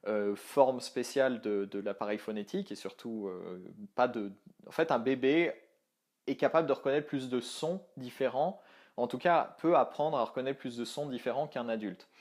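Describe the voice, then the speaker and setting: A man's voice: mid-range voice, moderate pace, darkish tone. A young man giving a casual online lesson, thinking aloud with many fillers and restarts. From France. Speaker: language teaching coach.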